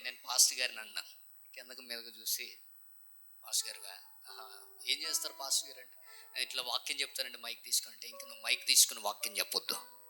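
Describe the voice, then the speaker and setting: A man preaching a testimony at a revival meeting, moving from hushed whispers to loud, impassioned calls. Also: mid-range voice. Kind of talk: sermon testimony. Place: church revival meeting, over speakers.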